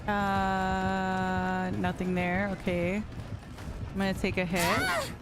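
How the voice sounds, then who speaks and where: A woman's voice: mid-range voice, lively intonation, slow pace. A woman in her late twenties live-streaming a game, chatting casually with her viewers, answering chat and laughing easily. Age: late 20s. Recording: music playing under the voice. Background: background music.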